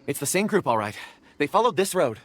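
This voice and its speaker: A man voicing a gentle, curious, polite travelling companion in a video game, mild and expressive. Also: a little high, a little fast, over music.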